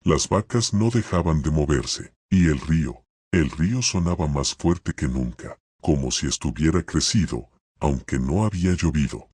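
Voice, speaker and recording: A man narrating a scary story in a slow, measured way. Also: a bass voice, expressive, darkish tone, slightly rough, dry recording, clean studio sound. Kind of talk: scripted horror narration.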